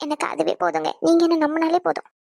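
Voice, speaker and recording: A scheming young bride from a cartoon sweet-talks her family and rants once they are gone, voiced by a woman. Her voice is very high and she speaks very fast. The recording is dry. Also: little pitch movement, vocal fry, no echo, heavily acted. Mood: sweet-talking. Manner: sweet-talking, sharp-tongued. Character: scheming young bride who fakes tears. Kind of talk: cartoon voice acting.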